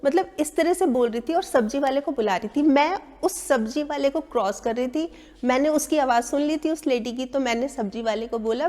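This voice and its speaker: High-voiced woman, echoey room. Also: warm tone. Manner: acts out rude and taunting voices of others. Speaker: speaker giving advice on manners. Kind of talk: talking to camera.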